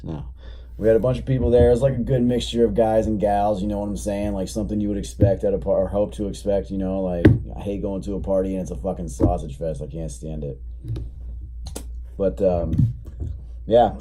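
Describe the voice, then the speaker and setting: Low, dark-voiced young man rambling profanely. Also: slight background noise. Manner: rambling, profane, laid-back storytelling. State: recovering from illness, coughing. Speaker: vlogger. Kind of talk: casual storytelling vlog.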